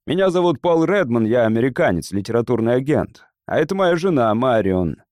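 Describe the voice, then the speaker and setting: Narrator doing a confident, forceful American agent, dry close mic. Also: male voice, mid-range voice, sing-song, brisk, no echo, natural voice. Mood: assured. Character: big, confident American man, literary agent.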